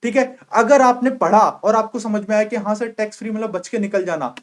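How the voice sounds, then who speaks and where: High-voiced man teaching exam vocabulary. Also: brisk. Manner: repeats points, asks 'clear?' often. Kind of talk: exam-prep vocabulary lecture.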